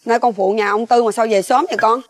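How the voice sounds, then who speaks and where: An actress with a Southern Vietnamese accent playing a long-suffering mother who speaks softly and pleads to keep the peace. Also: fairly high pitch, fast, lightly acted. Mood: gentle. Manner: soft, pleading, protective.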